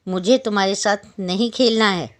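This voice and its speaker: A woman's voice: medium pitch, moderate pace, close to an everyday voice. Woman doing a grumpy sleepy lion. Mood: annoyed. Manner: grumpy, threatening. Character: big sleepy irritable male lion.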